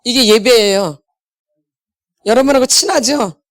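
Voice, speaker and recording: A woman's voice: fairly high pitch, measured pace. A middle-aged woman preaching to her congregation. She keeps asking them questions and answers them herself. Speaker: pastor's wife leading a healing meeting. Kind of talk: sermon.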